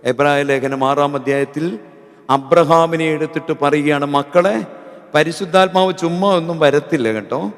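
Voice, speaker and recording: High-voiced Malayali preacher in echoing hall. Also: male voice, moderate pace. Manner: impassioned, repeats questions to the congregation and leads singing. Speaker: preacher leading a retreat. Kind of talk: sermon with call-and-response and hymn singing. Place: church hall. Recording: reverberant church hall.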